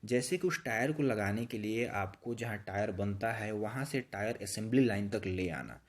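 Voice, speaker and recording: A man's voice: on the low side, moderate pace. A man with a Hindi accent giving a patient, explanatory lesson to his channel, walking through each idea with everyday examples. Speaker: YouTube instructor.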